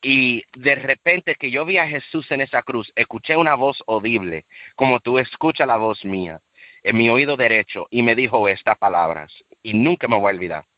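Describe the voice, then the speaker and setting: A man giving an earnest, emotional personal faith testimony, repeating himself and rising high when he relives shouting. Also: moderate pace, no echo, lo-fi sound. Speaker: guest sharing a faith testimony.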